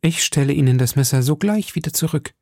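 A man's voice: fairly high pitch, expressive, brisk, darkish tone, no room sound, clean studio sound, pitched above the performer's own voice. A man reading an earnest young officer. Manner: earnest, stammering. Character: young earnest male officer, pious, nervous. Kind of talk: audiobook character reading.

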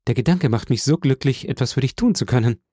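Eager young sweetheart, lifted lighter voice, dark tone, dry close sound, read by a man. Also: medium pitch, expressive, fast talker, no echo, lightly acted.

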